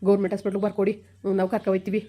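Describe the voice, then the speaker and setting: A woman's voice: mid-range voice, monotone, warm tone, close to an everyday voice. A woman playing a poor, worried village father. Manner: rapid pleading to the doctor, gruff with wife. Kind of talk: amateur village skit acting.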